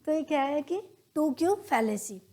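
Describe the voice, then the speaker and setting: An Indian-accented woman teaches logical reasoning in a classroom, her high voice animated and dark in tone at a normal speed. She acts out daily-life examples through quoted lines and patiently asks questions that she goes on to answer herself.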